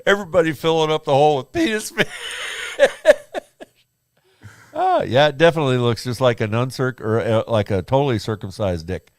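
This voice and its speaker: A man's voice: mid-range voice, sing-song, a little fast, no echo, clean studio sound. A man in his sixties co-hosting a casual podcast, reading news stories aloud with crude asides and frequent laughs. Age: 60s.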